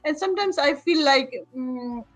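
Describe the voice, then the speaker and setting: A woman from Nepal with a high, light voice speaks over a video call. She talks in a relaxed, halting way, full of fillers and restarts. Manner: hesitant, many fillers and restarts, laughs often. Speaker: guest. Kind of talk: casual video-call chat.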